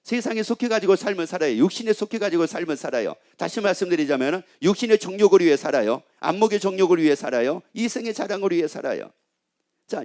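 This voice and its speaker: A man preaching a sermon with a high, lively voice that climbs and falls a lot. He keeps asking the congregation questions and repeats his phrases in long rolling lists. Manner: rhetorical questions and repetition. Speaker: pastor.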